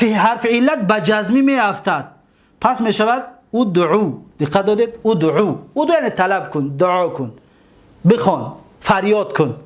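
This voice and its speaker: A man with a Tajik-accented Persian voice teaching an Arabic grammar lesson, reciting verb forms slowly and often checking that listeners follow. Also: high voice. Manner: drills verb forms slowly, stretching each word.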